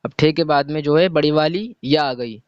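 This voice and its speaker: A man teaching a reading lesson, patiently explaining letter by letter and sounding words out slowly. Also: on the high side, clear, resonant tone, dry recording. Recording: dry, dull lo-fi recording.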